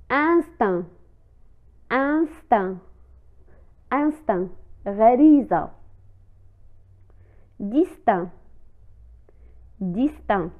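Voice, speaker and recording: A woman teaching a language lesson at a very slow, deliberate pace, saying each example word clearly several times over. Her voice sits a little high. The recording is thin and tinny, as if heard over a phone line. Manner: repeats each example word slowly and clearly, explaining in Arabic. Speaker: French teacher.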